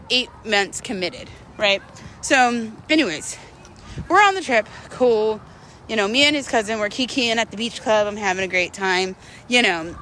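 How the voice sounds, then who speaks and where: A storyteller vlogger shares a personal tale in a slightly high, pushed, bright voice, the rough recording carrying a little hiss or hum. Her style is casual and slangy, peppered with "like," and she acts out pieces of dialogue.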